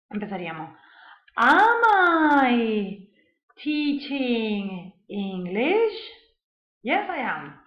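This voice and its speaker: Slow, patient woman teaching grammar. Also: on the high side. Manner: slow, patient explaining, often checks with "¿vale?". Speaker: English teacher. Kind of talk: grammar lesson. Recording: echoey room, slightly dull sound.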